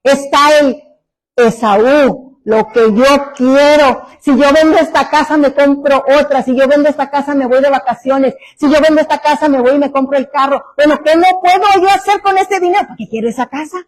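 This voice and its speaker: High-voiced woman pastor preaching. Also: steady tone, normal speed, low-quality recording. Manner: emphatic preaching with rhetorical questions. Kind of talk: sermon.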